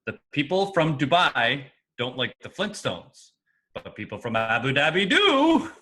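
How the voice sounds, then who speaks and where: A man telling dad jokes in a joke battle, with slow, deliberate setups and punchlines. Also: a little high, sing-song, bright, forceful tone.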